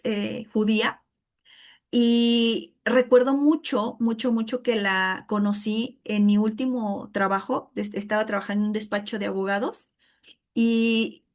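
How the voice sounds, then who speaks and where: Chatty woman teaching Bible study. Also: fairly high pitch. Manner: chatty, addresses listeners as "hermano", many fillers like "este".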